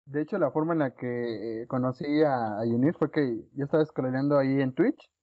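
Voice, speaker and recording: A man with a Mexican accent hosting a casual podcast chat, talking haltingly with many restarts. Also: medium pitch, dry recording, phone-quality sound.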